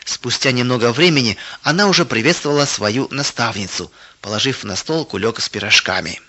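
A man reads a children's story aloud at a steady, expressive pace. His voice is bright and forward, at a middle pitch for a man. The recording sounds slightly dull. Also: a little fast. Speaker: narrator. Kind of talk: storybook narration.

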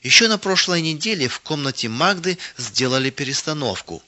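Bright-voiced man reading a story. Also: fairly high pitch, animated, a little fast. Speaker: narrator. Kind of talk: scripted storybook narration. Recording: dull lo-fi recording.

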